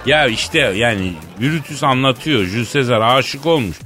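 A man hosting a radio comedy show, telling a rambling tall tale in a deadpan way, in a studio. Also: medium pitch, normal speed, faint music behind. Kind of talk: comic storytelling.

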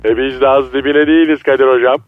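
A man's voice: mid-range voice, fairly even intonation, fast, no echo, faint music behind. Man doing a cagey head-of-state caller, vague answers, tinny phone line, dry. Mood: deadpan. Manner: evasive, answers in vague round phrases. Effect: heard over a phone line. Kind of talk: comedy radio sketch.

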